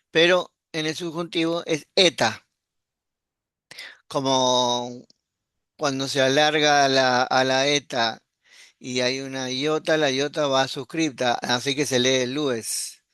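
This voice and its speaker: Male language teacher, smooth clear voice, unhurried online lesson. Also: medium pitch, fairly bright tone, dry recording, studio quality. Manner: patient, explanatory, checks in with "¿sí?". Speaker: Greek teacher. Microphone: computer mic while screen sharing.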